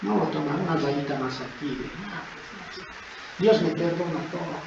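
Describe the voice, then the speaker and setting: A male preacher delivers an emphatic sermon, swinging from hushed asides to loud outbursts. His voice sits a touch high. The recording is very echoey and dull, with steady noise behind it. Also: normal speed, vocal fry. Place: church hall. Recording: echoey church, dull lo-fi sound, noisy.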